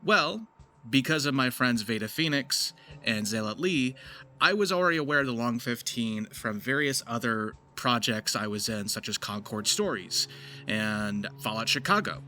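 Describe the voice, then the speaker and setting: A man with a mid-range, bright voice hosts a video essay, delivering semi-scripted commentary at a moderate pace in an animated, forceful, effusive way, swearing now and then. He's a video host and amateur voice actor, and faint music plays beneath his voice-over.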